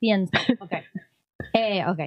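A woman's voice: medium pitch, slow, muffled recording. Chatty woman musing on faith. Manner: animated, rambling, frequent "o sea" and "¿ok?". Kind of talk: casual religious conversation.

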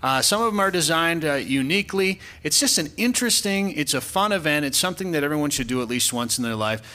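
A man's voice: a little high, lively intonation, fast, sharp tone. A man hosting a radio show and running a quiz in a casual, upbeat way, laughing and slipping into a game show voice. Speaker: radio show host and quizmaster.

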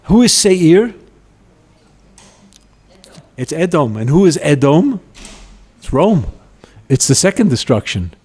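A man teaching a Torah class as a lecture on a liturgical poem. He reads the Hebrew verses slowly and deliberately, explains them, and grows emphatic when stressing a point. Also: fairly high pitch, very animated, dark tone, husky. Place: lecture hall at a community center.

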